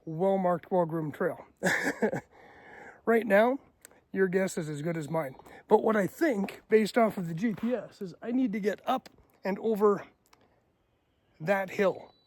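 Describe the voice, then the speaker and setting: A man's voice: high voice, a little mellow, no room sound. A young man vlogging a hike, chatty and self-deprecating, recorded on his phone out on a snowy trail. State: out of breath. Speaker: hiking vlogger. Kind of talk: casual outdoor vlog narration. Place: snowy mountain trail outdoors. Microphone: handheld phone.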